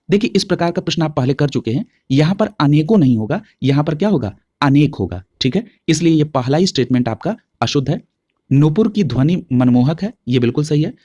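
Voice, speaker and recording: A man's voice: a little high, darkish tone, no room sound, lo-fi sound. A man teaching an exam-prep lesson, working through past paper questions step by step and checking in with listeners often. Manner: methodical, explains step by step with frequent check-ins.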